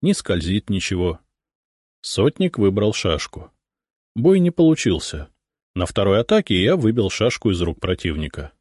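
A man narrating a first-person audiobook in a measured storytelling way with expressive intonation, close to the microphone. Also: lowish voice, husky, dry recording.

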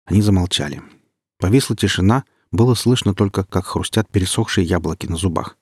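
A man with a husky voice reading an audiobook in a measured way, lightly acting out the dialogue. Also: deep voice, darkish tone, dry recording, studio quality. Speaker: audiobook narrator. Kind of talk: audiobook narration.

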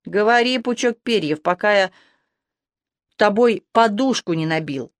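Storybook werewolf cop, male, middle-aged, quick to rage, growling threats, read by a woman, dry close sound. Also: mid-range voice, lively intonation, no room sound, natural voice. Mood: furious. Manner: growling, blustering, quick-tempered.

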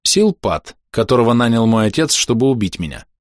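A man voicing a hoarse, weakened young noblewoman who speaks in formal, courteous phrases in an audiobook. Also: mid-range voice, big pitch swings, brisk, no room sound, studio quality, natural voice. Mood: mocking. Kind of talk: audiobook character voice.

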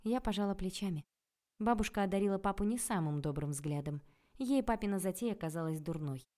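Woman narrating a lively audiobook. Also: medium pitch, fairly quick. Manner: lively, ironic storytelling. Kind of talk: first-person audiobook narration.

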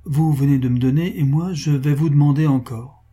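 A man's voice: fairly high pitch, fairly even intonation, normal speed, mellow, husky. A man reading aloud, voicing a good-natured, modest bachelor of thirty-eight with a hearty, self-deprecating manner.

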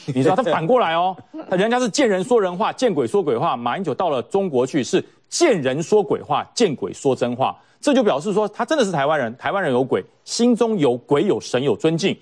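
A man's voice: a little high, very animated, fairly quick, few pauses, darkish tone, husky. A man giving mocking, emphatic political commentary on a talk show. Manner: mocking, emphatic, puts on quoted voices.

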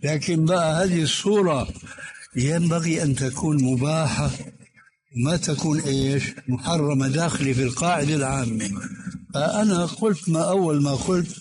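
A man as a religious scholar in a recorded discussion, answering a questioner point by point in a measured, corrective way. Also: on the high side. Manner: measured, corrective, asks to take points one at a time. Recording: hissy old cassette tape recording.

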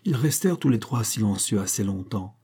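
A man reading a classic novel aloud as an audiobook narrator, telling it in a steady, even way. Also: on the low side, a little fast, breathy edge.

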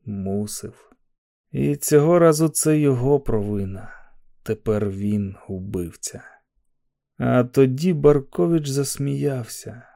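A man reading a dramatic novel aloud as an audiobook narrator, in a gravelly voice. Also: medium pitch, lively intonation, slow, mellow, no echo, clean studio sound.

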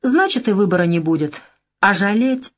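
A woman's voice: mid-range voice, lively intonation, moderate pace, lightly acted. A woman voicing a fierce, vindictive young woman who speaks harshly and angrily. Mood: determined. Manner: angry and harsh.

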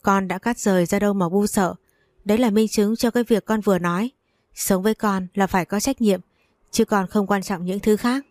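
A woman voicing a sharp-tongued young wife, fed up and defiant, with blunt retorts, in a storybook reading. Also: medium pitch, fairly even intonation, moderate pace, dry recording, clean studio sound, close to an everyday voice.

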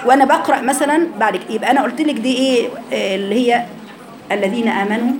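A higher-voiced woman with an Egyptian Arabic accent leads a recitation class, correcting students and drilling syllables one at a time. Her voice rings in an echoey room. The murmur of a class is clearly heard around her. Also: very fast, a crowd in the background. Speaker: Quran recitation teacher. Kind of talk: classroom lesson.

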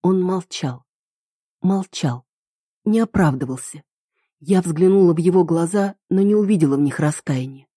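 Low mellow woman reading a story. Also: fairly quick, no room sound, studio quality. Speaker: reader. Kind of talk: first-person story reading.

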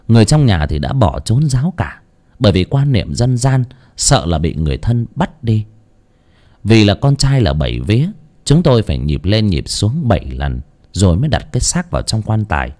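A man narrating a first-person ghost story as an audiobook, telling it expressively with dramatic pauses. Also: on the low side, dark tone.

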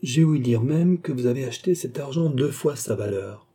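A man reading a cold, composed count who calmly demands repayment, keeping a polite but unyielding manner. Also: medium pitch, normal speed, breathy edge. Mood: cool. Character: icy, composed male count and sorcerer-creditor.

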